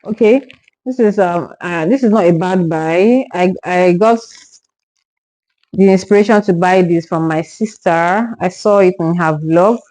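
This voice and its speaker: A woman's voice: lowish voice, unhurried, dark tone, no room sound, poor audio. A young woman from Nigeria reviewing a haul to camera in casual talk, exasperated and stumbling over repeated words when upset. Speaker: vlogger.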